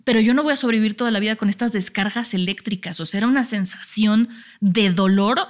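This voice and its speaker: A woman telling her story in a casual, animated conversation. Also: mid-range voice, fast talker.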